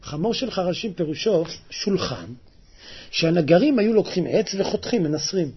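A man preaching a sermon, telling a story dramatically and acting out the quoted lines with rising pitch and cries. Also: animated, husky, dull audio.

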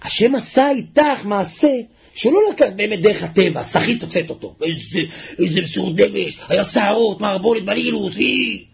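Gravelly preacher wailing and chanting a sermon. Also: male voice, sits high, animated, lo-fi sound. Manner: swings from hushed murmurs to wailing shouts, chants verses.

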